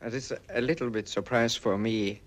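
A man's voice: on the low side, steady tone. Viennese man in careful English. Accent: Viennese German. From Austria. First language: German. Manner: halting, careful non-native English. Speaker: hotel manager. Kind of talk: interview answers.

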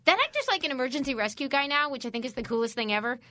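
A woman co-hosting a comics podcast, chatting casually and excitably, rambling through quick tangents. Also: high-pitched, no room sound. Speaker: podcast co-host. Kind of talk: casual chat.

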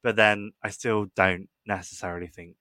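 A man's voice: on the low side, fairly even intonation, normal speed, bright, forceful tone, no echo. A young man, co-hosting a podcast and gushing in casual, filler-heavy chat. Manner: gushing, chatty, lots of fillers. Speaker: podcast co-host.

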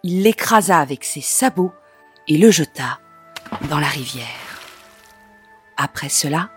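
Male storyteller, measured fairy-tale read, slow. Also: on the high side, animated, a bit bright, faint music behind. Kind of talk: scripted fairy-tale narration.

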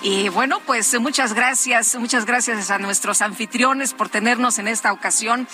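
Broadcasting from an open-air terrace, a woman co-hosts a morning news show as a reporter. She is chatty and lively, uses plenty of fillers, and speaks at a normal speed in a slightly high voice.

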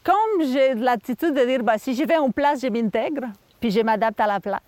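Catalan-accented woman, high and dry. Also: animated, normal speed, a little mellow, no room sound. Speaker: guest. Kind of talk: interview testimony.

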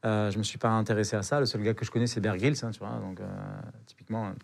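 A man's voice: fairly low pitch, fairly even intonation, racing. A young man, a podcast guest, telling an adventure story in a casual, slangy way, with lots of hesitations and repeated words.

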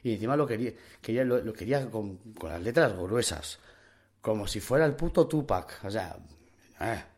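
A man's voice: fairly low pitch, animated, normal speed, darkish tone. A young Spanish man from Spain telling an anecdote casually, rambling with lots of slang, fillers and imitated sounds. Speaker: storyteller.

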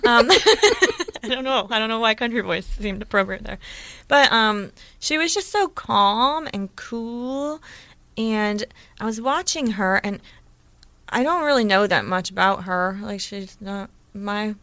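A woman's voice: a little high, animated, a little slow, a bit bright, no echo. A woman co-hosting a podcast, chatting casually and musing aloud with many questions. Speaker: podcast co-host. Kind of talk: casual chat.

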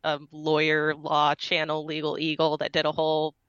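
A woman's voice: deep voice, monotone, moderate pace, fairly bright tone, smooth, no echo, muffled recording. A woman guest on a podcast, explaining things earnestly in a casual discussion with fillers.

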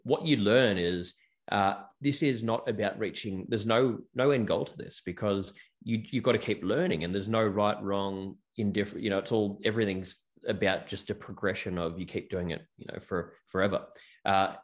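A man's voice: lowish voice, moderate pace. A man hosting an interview, who talks in a rambling, hesitant way with many restarts. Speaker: podcast host and actor. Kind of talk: casual interview.

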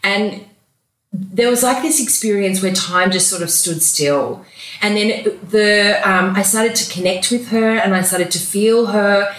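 A woman's voice: medium pitch, unhurried, a bit bright. A woman spiritual coach telling her story earnestly as an interview guest. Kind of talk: interview conversation. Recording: roomy echo.

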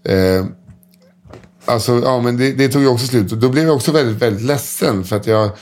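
A man's voice: medium pitch, a little mellow. Man, podcast host telling stories, rambling and full of fillers. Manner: rambling, lots of hesitation fillers and restarts. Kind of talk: casual storytelling chat.

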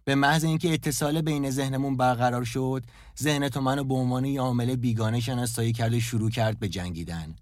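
A man voicing a brooding man, grieving his lost love, in a low, somber confessional monologue for an audio drama. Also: fairly even intonation, dry recording, studio quality, close to an everyday voice.

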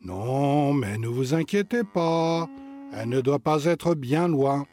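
Man reading a joking farmer uncle, easygoing and slow. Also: a little high, lively intonation, noisy background. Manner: easygoing, teasing.

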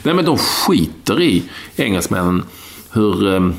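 Gravelly deep-voiced man. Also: very animated. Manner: rambling, blunt, with many fillers. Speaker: podcast co-host. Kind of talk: casual football chat.

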